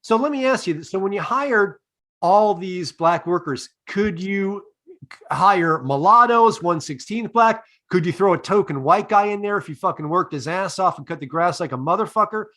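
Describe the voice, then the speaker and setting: A man hosting a comedy podcast, building long, deadpan, profane setups for his guest's answers. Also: high-pitched, normal speed. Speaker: podcast host. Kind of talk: comedic interview.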